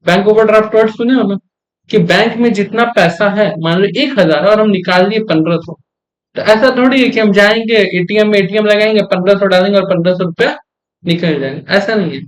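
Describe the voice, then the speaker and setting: Young male lecturer, high pitch, drills terms, keeps asking students if it's clear. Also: fairly quick. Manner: asks the class frequent check questions; repeats key terms for emphasis. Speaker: commerce teacher. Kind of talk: classroom lecture.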